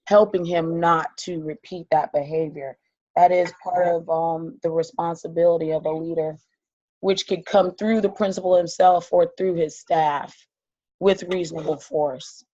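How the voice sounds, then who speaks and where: A slightly hoarse woman talks through a case study in class, pausing on ums and restarting phrases. Her voice is low and mellow. The recording sounds dull and lo-fi. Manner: hesitant, many ums and restarts. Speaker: student in a leadership course.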